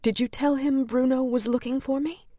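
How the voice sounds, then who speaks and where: A woman voicing an anxious young woman confined to an asylum, speaking low and urgent. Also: steady tone, moderate pace, dry recording. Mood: hushed urgent. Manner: hushed, urgent, kept low.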